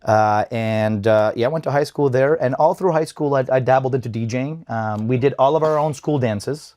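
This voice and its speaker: A man's voice: mid-range voice, moderate pace, a little mellow, no echo, studio quality. A man in his thirties from Bosnia, a podcast guest in casual interview talk, often restarting and repeating words. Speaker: podcast guest, event company owner.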